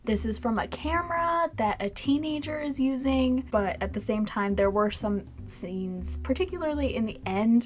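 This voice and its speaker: A young woman getting drunker as she gives a casual, rambling movie review to camera, with music behind her voice. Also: medium pitch. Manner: rambling, informal. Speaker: video blogger reviewing films.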